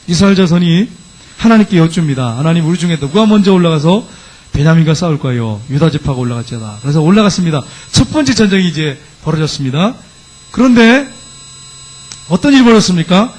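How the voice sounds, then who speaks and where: A man's voice: high voice, husky. A man preaching a sermon as pastor, asking his congregation emphatic rhetorical questions.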